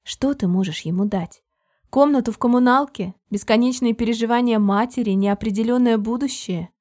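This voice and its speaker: A woman voices a controlling man in an audiobook, his tone level and almost kindly. The pressure sits underneath the calm. The voice is mellow and warm rather than bright. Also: on the high side, normal speed, close to an everyday voice. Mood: scornful. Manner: even, almost friendly, quietly pressuring. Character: controlling adult man, calm and falsely caring. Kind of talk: audiobook character reading.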